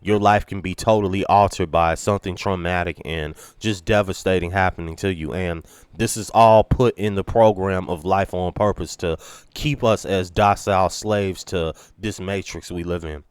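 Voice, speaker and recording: Congested male vlogger, earnest rambling sermon-like talk, smooth resonant tone, dry close recording. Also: low-pitched, fairly even intonation, normal speed, dry recording. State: congested, sick. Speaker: channel host. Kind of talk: monologue to camera.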